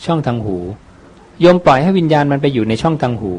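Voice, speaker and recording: A man, a monk, answering questions on meditation with patient, calm explanations. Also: medium pitch, quick pace, poor audio. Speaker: monk teacher. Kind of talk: Dharma Q&A.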